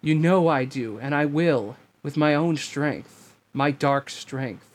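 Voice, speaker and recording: A man voicing a brooding teenage boy who speaks quietly and with resolve in an audiobook. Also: on the high side, slow. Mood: resolute. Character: brooding teenage boy fighting his inner darkness.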